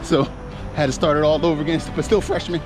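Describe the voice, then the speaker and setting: A man's voice: on the high side, fairly even intonation, fast. An American man in his forties chatting casually and a bit ramblingly while jogging outdoors. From United States. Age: 40s. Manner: laid-back, rambling, talking while jogging. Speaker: running vlogger. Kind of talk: casual vlog chat while running. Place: outdoors, on a run. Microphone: handheld action camera. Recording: action camera outdoors with music behind.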